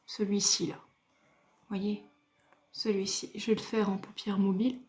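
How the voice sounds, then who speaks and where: A woman from France talks her viewers through a makeup routine at a slow, unhurried pace. She explains each step patiently and addresses the camera directly, like a beauty vlogger. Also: mid-range voice, little pitch movement, a little mellow. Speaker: beauty YouTuber. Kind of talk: makeup tutorial talk to camera.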